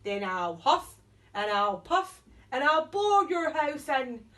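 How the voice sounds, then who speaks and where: A woman's voice: medium pitch, fairly even intonation, a little slow, recorded from a distance, voice pushed down, lightly acted. A woman voicing a big bad wolf from a storybook, boastful and menacing, in chanted threats. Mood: threatening.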